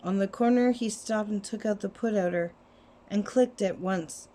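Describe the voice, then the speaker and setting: A woman's voice: mid-range voice, moderate pace, mellow. Woman reading a story aloud on a phone. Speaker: reader. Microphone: cell phone.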